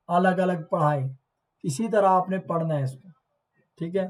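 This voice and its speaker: Male teacher, higher voice, slow deliberate delivery, patient questioning. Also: a little mellow, poor audio. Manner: patient, repeats and asks questions to the listener. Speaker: Quran reading teacher. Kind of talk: slow classroom explanation with drills.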